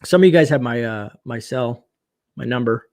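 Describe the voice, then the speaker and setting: Late at night, a man hosts a livestream, chatting loosely with plenty of fillers and reading viewer comments out loud. His middle-pitched voice is a little mellow and starting to turn hoarse, and he keeps a moderate pace.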